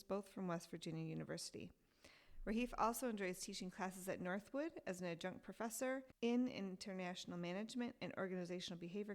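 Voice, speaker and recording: A woman hosting a community interview podcast, introducing her guest in a clear, friendly way. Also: mid-range voice, darkish tone. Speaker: podcast host.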